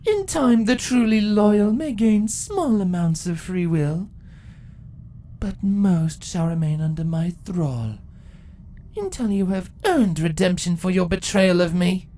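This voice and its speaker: An imperious fantasy storybook empress, ancient and menacing. Her high voice swoops with condescension while staying deliberate and in control. Faint ambience sits behind her. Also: lively intonation, mellow, slight background noise. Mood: calm, menacing.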